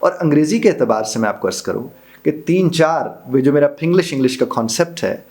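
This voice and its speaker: A middle-aged man with a Pakistani Urdu accent, teaching a pronunciation lesson, spelling out and repeating example words slowly. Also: fairly high pitch, expressive, darkish tone. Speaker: pronunciation trainer. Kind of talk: spoken lesson.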